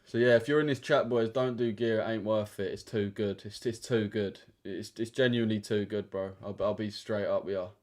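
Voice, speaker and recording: Jeune homme à l'accent de l'Essex, bavard, voix un peu grave. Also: male voice, lowish voice, fairly even intonation, a little fast, hardly any pauses, darkish tone. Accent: Essex English. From Essex, England. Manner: slangy, chatty, addresses chat directly. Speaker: trading livestreamer. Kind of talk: casual livestream chat.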